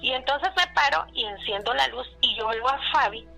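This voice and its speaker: A woman's voice: sits high, moderate pace, creaky, bright, forceful tone, faint music behind, rough recording. A woman with a Mexican accent telling a personal story in a rambling, casual way. She keeps repeating "le digo" and "dice" and uses fillers like "este".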